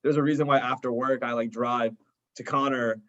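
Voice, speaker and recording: A young indie rock band member chats casually in an interview, enthusiastic and informal, saying "like" constantly. His medium-pitched voice is steady and fairly bright at a moderate pace, though the recording is muffled.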